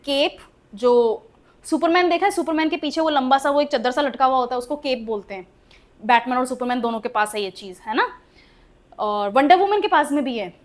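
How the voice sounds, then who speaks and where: A woman, teaching spelling rules in a chatty classroom lesson and often checking whether the class follows. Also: sits high. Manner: lively, chatty, asks the class questions and laughs at the oddities. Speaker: English teacher.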